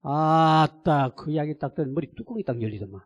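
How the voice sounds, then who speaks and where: A male pastor preaching at a church revival meeting, telling a story in a lively, colloquial way with emphatic repetition. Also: on the high side, a little fast, slightly rough. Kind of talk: sermon. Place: church service.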